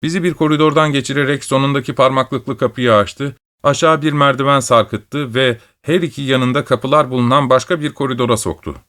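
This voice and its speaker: A man's voice: medium pitch, fairly even intonation, a little fast, hardly any pauses, a bit bright. Man narrating a story steadily. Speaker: audiobook narrator. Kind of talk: scripted narration.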